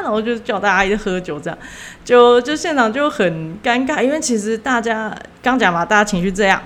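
A young woman, telling a story casually as a podcast host, rambling with lots of fillers and self-corrections. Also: medium pitch.

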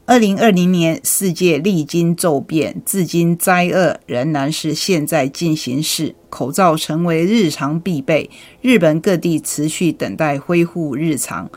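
A woman's voice: low-pitched, unhurried, few pauses, a little mellow. A woman presenting a selection of mystery novels, summarizing each plot in a storytelling manner. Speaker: book presenter. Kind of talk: book recommendation talk.

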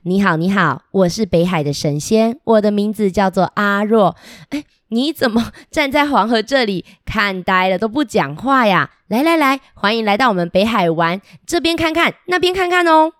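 A woman voicing a polite, friendly sea spirit who speaks in a warm, coaxing and reassuring way. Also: medium pitch, expressive, moderate pace, no echo, clean studio sound, natural voice. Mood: welcoming.

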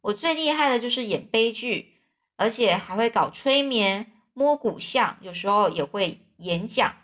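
A theatrical young man who sighs over his lost fortune and plays the tragic hero, acted by a woman reading a storybook aloud. The voice leans somewhat high with sweeping emotional delivery. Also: expressive, measured pace, a bit bright. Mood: boastful. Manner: sighing, mournful, theatrical. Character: self-pitying young male drifter, melodramatic.

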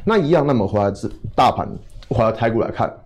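A man's voice: mid-range voice, lively intonation, fast. A man with a Taiwanese accent giving informal market commentary as a guest analyst, often asking questions and answering them himself.

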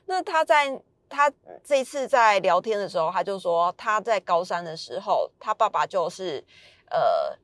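A woman's voice: mid-range voice, sing-song, moderate pace, fairly bright tone, dry recording. A woman, casually telling a story as a podcast host, chatty and emphatic. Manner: chatty, retelling a friend's story with rising emphasis.

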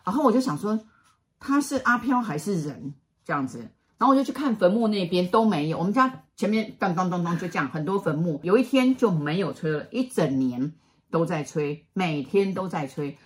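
A middle-aged woman from Taiwan with a Taiwanese Mandarin accent, telling a ghost story in casual conversation, animated and acting out the people in it. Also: lowish voice, fairly quick. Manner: animated, acts out voices, restarts mid-sentence. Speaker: storyteller guest.

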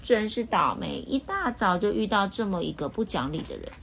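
A woman's voice: mid-range voice, sing-song, a little fast, gravelly, a bit bright, slight background noise. A woman voicing a cheerful, friendly storybook man who is kind but easily wronged. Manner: friendly, pleading, then scolding.

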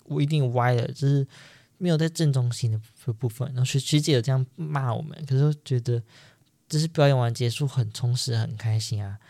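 A man's voice: medium pitch, darkish tone, no room sound, clean studio sound. A young man with a Taiwanese Mandarin accent, hosting a podcast and telling a personal story in an earnest, emphatic way that repeats things for stress. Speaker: podcast host.

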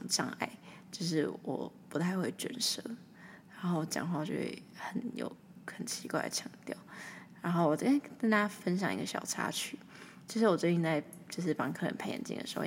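A young woman from Taiwan with a Taiwanese Mandarin accent talks through a casual solo podcast in a fairly low voice. She rambles loosely and keeps letting her sentences fade into a breathy, almost whispered murmur. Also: a little mellow, a little hiss or hum. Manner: rambling, often trailing off into a breathy near-whisper. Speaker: podcast host.

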